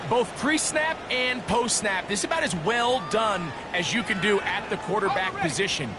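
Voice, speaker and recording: A man's voice: high-pitched, lively intonation, normal speed, background noise. A man giving conversational, emphatic analysis as a football color commentator.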